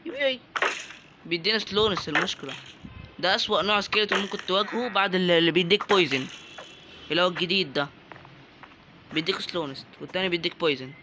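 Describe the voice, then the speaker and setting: Young Egyptian man, game commentary, joking and chatty, slightly high voice, noise in the background. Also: very fast, pauses often. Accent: Egyptian Arabic. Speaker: gaming YouTuber. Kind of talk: casual let's-play commentary.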